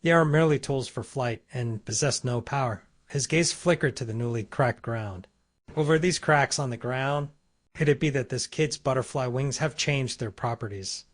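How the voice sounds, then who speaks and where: A man narrating a comic recap in a steady, scripted storytelling read. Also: medium pitch, moderate pace.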